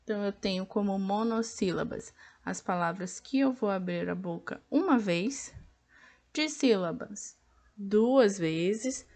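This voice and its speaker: A woman teacher with a Brazilian Portuguese accent, patiently walking pupils through a workbook and sounding out each word clearly. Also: mid-range voice. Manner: patient, over-articulates words to count syllables. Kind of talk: slow classroom explanation of an activity book.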